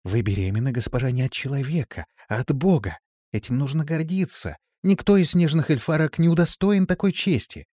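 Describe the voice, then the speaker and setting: A man voicing a warm, devoted female servant in an audiobook, speaking gently and reassuringly. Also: mid-range voice, expressive, normal speed, husky, no echo, clean studio sound, pitched above the performer's own voice. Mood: soothing. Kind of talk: audiobook character voice.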